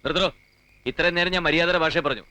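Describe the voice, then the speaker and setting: An actor playing an impatient senior police officer who gives curt commands. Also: male voice, on the high side, steady tone, fast talker, pushed and bright, dry recording.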